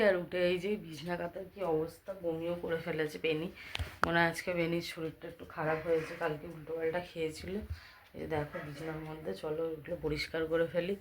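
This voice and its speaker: A woman narrating a casual home vlog about her chores, chatting to her pet dog in a doting sing-song. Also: on the low side. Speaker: vlogger. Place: home, indoors. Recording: noisy home phone recording.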